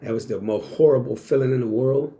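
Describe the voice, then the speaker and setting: A man's voice: mid-range voice, brisk, dark tone. A man in his sixties speaking in a blunt, boastful monologue to camera, swearing freely and repeating himself. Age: 60s. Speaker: vlogger.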